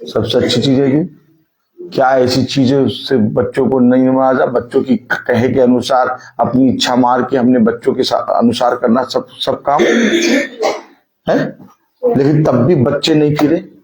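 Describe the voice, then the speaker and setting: A man's voice: medium pitch, fairly even intonation, measured pace, darkish tone, rough recording. A male preacher delivering a sermon, repeatedly putting rhetorical questions to his congregation and drawing call-and-response answers.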